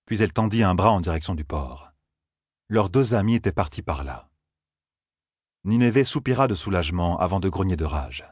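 Male audiobook narrator, deep grainy voice, measured delivery, dry close recording. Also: husky, dry recording. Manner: steady, measured storytelling. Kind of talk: scripted narration.

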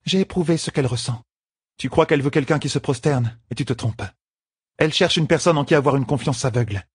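A man voicing a poised, teasing young queen in an audiobook, with a husky tone and composed delivery. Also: fairly high pitch, no room sound, studio quality, pitched above the performer's own voice. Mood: earnest. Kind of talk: audiobook character voice.

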